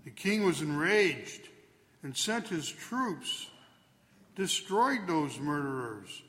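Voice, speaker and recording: A man solemnly proclaiming scripture at a church service in a measured, declamatory way, with cathedral echo around his voice. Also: a little high, big pitch swings, a bit bright. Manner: measured, declamatory, with rising and falling cadence. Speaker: clergyman proclaiming the Gospel at Mass. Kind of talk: solemn liturgical scripture reading. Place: large reverberant church.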